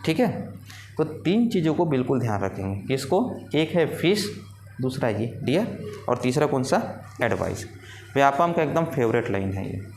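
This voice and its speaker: A man's voice: medium pitch, big pitch swings, normal speed, a little mellow, a little hiss or hum. A man teaching an English grammar lesson. He asks his students questions and answers them himself. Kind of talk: classroom-style grammar lesson.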